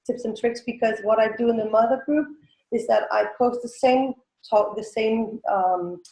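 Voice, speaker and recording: Mellow and on the high side, this woman's voice holds a steady tone at a moderate pace. She's a native Danish speaker from Denmark in her forties, with a Danish accent, answering casually as an interview guest; she's a teen coach and business owner, and she hesitates and corrects herself. The recording sounds roomy and echoing.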